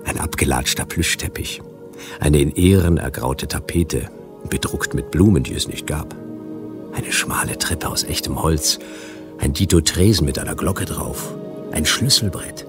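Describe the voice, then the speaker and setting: An actor narrating as a world-weary detective in a wry, hardboiled first-person style for a radio drama. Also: male voice, very deep voice, a little slow, over music.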